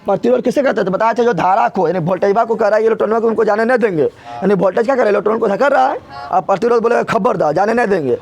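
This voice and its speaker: A man's voice: sits high, very fast, creaky. A man teaching a physics class, drilling his students with repeated questions. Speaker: tutor.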